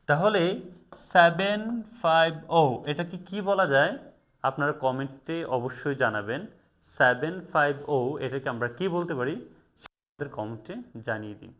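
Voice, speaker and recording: A man teaching English in a video lesson, repeating words slowly to drill their pronunciation. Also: medium pitch, a bit bright, highs cut off. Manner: slow and repetitive, drilling pronunciation.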